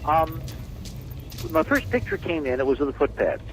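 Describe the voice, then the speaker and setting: A middle-aged man, a guest on a late-night radio show, telling stories excitedly and repeating words as he gets going. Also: fairly high pitch, normal speed. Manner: excited storyteller, repeats words when starting. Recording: dull lo-fi radio broadcast.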